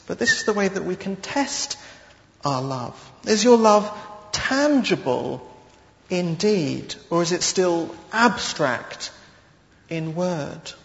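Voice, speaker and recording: A man preaching a sermon to his congregation in a church hall, speaking in a slow, measured way with pauses. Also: high voice. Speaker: pastor. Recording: dull audio with long hall reverb.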